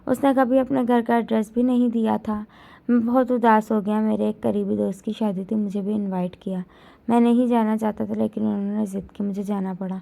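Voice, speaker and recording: A woman's voice: mid-range voice, little pitch movement, fairly quick, gravelly, warm tone. A woman narrating a heartfelt first-person story in an emotional storytelling style.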